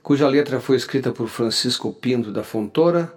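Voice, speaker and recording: A man's voice: medium pitch, moderate pace. A man from southern Brazil hosting a radio music show, presenting songs in an explanatory, announcer-like way.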